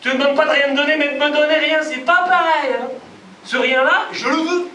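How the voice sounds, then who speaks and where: A man's voice: very high voice, animated, fast talker, sharp tone, voice pushed up, exaggerated voice. A man voicing a cheeky, stubborn, hungry poor man in a told folk tale, talking insistently and playfully. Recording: distant roomy live recording, noisy.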